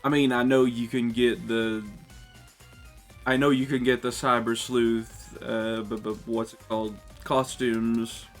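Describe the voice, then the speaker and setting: Guy doing casual let's play commentary, mid pitched voice, soft music behind. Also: level tone, measured pace. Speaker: host of a game let's play. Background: faint music.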